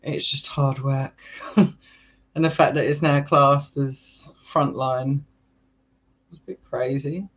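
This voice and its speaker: A man's voice: fairly high pitch, fairly even intonation, takes it slowly, pauses often, fairly bright tone, poor audio. A young English man with an English accent, a vlogger chatting casually with viewers in a rambling way and laughing often. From England. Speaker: urban exploring vlogger. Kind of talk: casual live chat with viewers.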